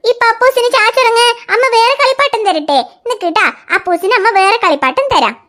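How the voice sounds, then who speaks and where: A woman voices a young cartoon mother in cartoon dialogue, coaxing and soothing her crying toddler in a fretful, sing-song way. Her very high voice is brisk and bright, with a forceful tone.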